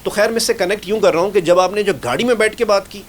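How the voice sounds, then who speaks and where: Guy hosting a podcast, kinda high voice, lively chatty storytelling, faint rumble behind. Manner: animated, mimics shouting bosses, joking asides. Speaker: podcast host, former news anchor. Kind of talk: casual podcast conversation.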